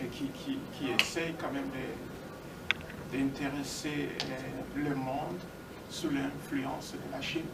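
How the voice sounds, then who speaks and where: A middle-aged man giving an informal speech as a guest, haltingly, with many hesitations and repeated words. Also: fairly high pitch, creaky. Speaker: guest speaker. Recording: noisy echoey room, distant microphone.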